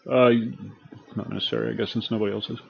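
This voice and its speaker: Low gravelly man running the game. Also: flat delivery, quick pace, dull audio, a little hiss or hum. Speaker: game master and stream host. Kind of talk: running an online tabletop game.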